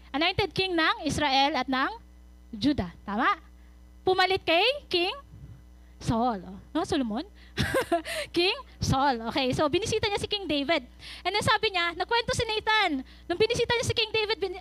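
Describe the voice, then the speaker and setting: A young woman giving a youth sermon, retelling a Bible story in lively Taglish with quick asides. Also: very high voice, dry recording. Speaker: youth speaker.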